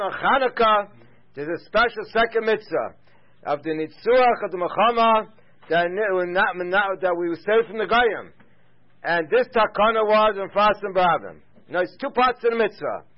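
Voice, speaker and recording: A man's voice: high voice, muffled recording. A man giving a Talmudic study lecture as a Torah teacher, laying out sources and then posing rhetorical questions.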